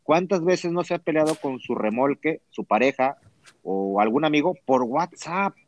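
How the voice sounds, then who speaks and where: A man's voice: on the high side, animated, moderate pace, no room sound. A man with a Mexican accent hosting a casual podcast chat, slangy and telling stories with quoted dialogue. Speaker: podcast host.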